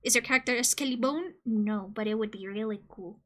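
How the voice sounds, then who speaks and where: A woman from Colombia streaming casually, joking and reading game questions aloud, with sudden loud squeals. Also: on the high side, a little fast.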